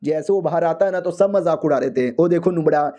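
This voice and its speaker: A man's voice: a little high, fairly quick, warm tone. A man narrating a comic recap in a casual, slangy, joking storytelling style.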